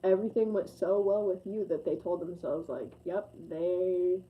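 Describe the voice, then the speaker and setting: A woman's voice: lowish voice, brisk, phone-quality sound. Chatty woman in her late twenties reading tarot. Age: late 20s. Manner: chatty and effusive, sentimental. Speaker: tarot reader. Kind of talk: casual tarot reading to camera.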